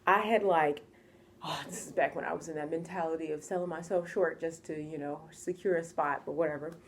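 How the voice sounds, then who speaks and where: A woman's voice: low-pitched, steady tone, brisk, a little hiss or hum. A woman telling a casual storytime, chatty and full of "like" fillers. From United States. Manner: chatty, full of "like" fillers, acts out quoted voices. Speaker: vlogger.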